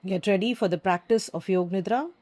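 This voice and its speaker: A woman with a mid-range voice leads yoga nidra, offering calm, soothing guided meditation instructions with long pauses.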